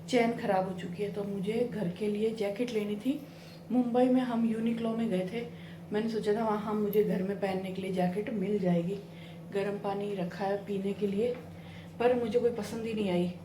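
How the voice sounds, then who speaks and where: A woman's voice: mid-range voice, background noise. A woman in her thirties with a Rajasthani Hindi accent, chatting casually to her viewers as she does chores around her home. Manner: chatty, talks to viewers while doing chores; whispering so her sleeping husband is not woken. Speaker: vlogger. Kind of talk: casual home vlog chat.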